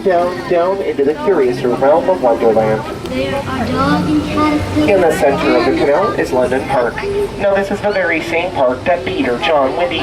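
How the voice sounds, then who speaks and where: A man giving a theme park ride spiel as boat skipper, telling scripted stories theatrically with puns and drawn-out words. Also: on the high side, recorded from a distance, rough recording. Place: outdoors on a tour boat.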